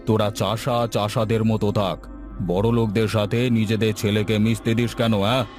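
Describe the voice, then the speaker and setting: A man's voice: lowish voice, little pitch movement, normal speed, a little mellow, soft background music, close to an everyday voice. A man voicing an arrogant rich village landowner who orders the poor around with contempt. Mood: scornful. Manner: domineering, contemptuous.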